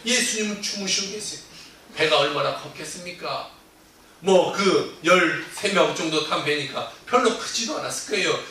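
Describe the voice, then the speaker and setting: Male pastor, animated sermon storytelling, somewhat high voice, roomy hall sound. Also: a little hiss or hum. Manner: animated storytelling, acting out disciples' cries. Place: church sanctuary. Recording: echoey church hall, distant mic.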